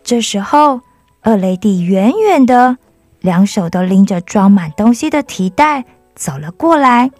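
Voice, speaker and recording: A woman reading a children's story aloud for a broadcast, narrating in a gentle, even manner. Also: medium pitch, measured pace, dry recording, faint music behind.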